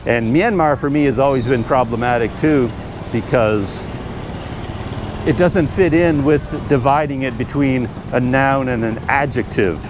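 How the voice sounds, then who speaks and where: A Canadian travel vlogger walks through a busy outdoor market talking to his camera, thinking aloud with lots of pauses and fillers. His voice is mid-range, and the camera mic picks up street noise, passing traffic and trucks.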